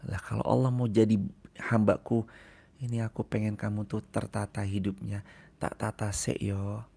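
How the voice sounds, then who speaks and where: Gravelly preacher. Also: male voice, lowish voice, level tone, mellow. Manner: repeats key phrases, chants Arabic verses slowly; addresses the congregation directly. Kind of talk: sermon.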